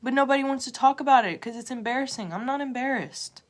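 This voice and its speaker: A woman tarot reader giving an emotional motivational pep talk to viewers on a livestream, repeating herself and swinging between loud urging and a hushed near-whisper. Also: high voice, fast talker. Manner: repetitive, direct address to viewers.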